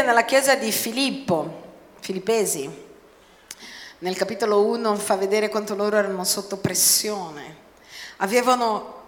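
A woman preaching a sermon emphatically, moving from quiet explanation to shouted declarations. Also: mid-range voice. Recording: long hall reverb.

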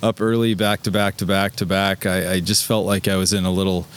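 A man's voice: sits low, level tone, a little fast, a little hiss or hum. A man from Toronto with a Canadian accent, a real estate developer joking around as a podcast guest. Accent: Canadian English. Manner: jokey, laughs, emphatic. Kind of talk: casual podcast chat.

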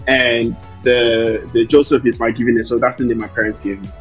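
A man from Togo, answering interview questions conversationally in a halting, self-correcting way. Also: medium pitch, little pitch movement, husky, muffled recording, soft background music. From Lomé, Togo; later Ireland. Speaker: interview guest, investor and founder.

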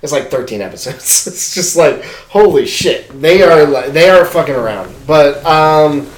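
A man's voice: on the high side, animated, measured pace. A young man co-hosting a podcast in casual chat, rambling with lots of filler words and swearing freely. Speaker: podcast co-host. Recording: echoey room.

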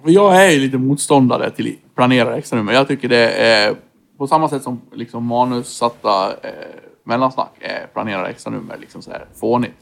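A man's voice: medium pitch, vocal fry. A man who plays in a band, musing and giving his opinions in casual chat. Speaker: band member.

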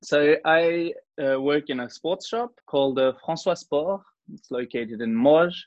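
A young man from Switzerland with a New Zealand-influenced accent appears as an interview guest on a podcast; he's a church worship singer. His voice is a little high and unhurried, and he talks earnestly yet casually. The recording has no echo and a lo-fi sound.

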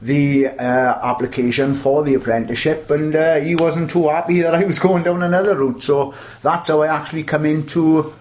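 An older man with a South Wales Valleys accent, a veteran butcher appearing as an interview guest, reminisces in a chatty, rambling way, often restarting his sentences. His voice is a little high and a little mellow, with a level tone, normal speed and few pauses.

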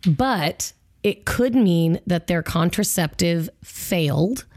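Blunt, laughing woman, slightly low voice. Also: expressive, takes it slowly, a little mellow. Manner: blunt, swears casually, laughs often. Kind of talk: casual chat.

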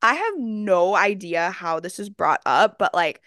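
A young woman from Texas tells stories on a podcast, jumping into little acted-out quotes and leaning on fillers. Her voice is smooth and resonant, recorded close and dry. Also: lowish voice, measured pace, no room sound. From Austin, Texas. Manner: animated storyteller, acts out quotes, many fillers. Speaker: podcast co-host. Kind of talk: casual chat, storytelling.

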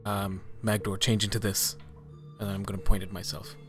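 A man's voice: on the low side, flat delivery, fairly quick. A man chatting casually as a tabletop game player, blunt and slangy in how he talks. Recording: faint music behind the voice.

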